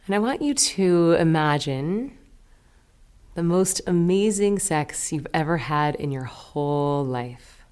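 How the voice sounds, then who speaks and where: A woman leading a guided meditation as a teacher, giving gentle, unhurried instructions with pauses between phrases. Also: deep voice, lively intonation, clear, resonant tone.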